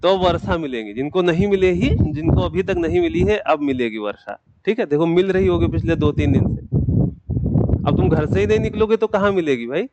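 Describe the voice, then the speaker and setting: A man's voice: on the high side, lively intonation, fairly quick, lo-fi sound, heavy background noise. A man teaching a geography class, speaking patiently and in a fatherly way to students who have just joined. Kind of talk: classroom lecture.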